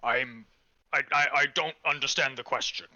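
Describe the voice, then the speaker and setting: A man's voice: mid-range voice, moderate pace, sharp tone, dull audio. A man voicing an eccentric, matter-of-fact village veteran in a tabletop game. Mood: puzzled. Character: eccentric, deformed villager, proud battle veteran.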